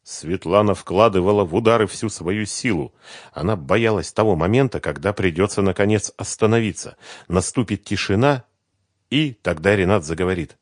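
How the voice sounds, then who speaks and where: A man reading an audiobook in a measured, expressive way. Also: low voice, no echo, clean studio sound. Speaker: audiobook reader. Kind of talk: scripted audiobook narration.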